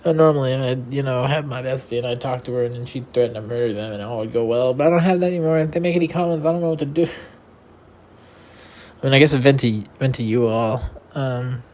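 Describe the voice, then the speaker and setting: A man's voice: mid-range voice, fast talker, a little mellow. A tired young man hosting a casual rambling monologue, meandering with many fillers and restarts. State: tired and yawning. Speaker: podcast host.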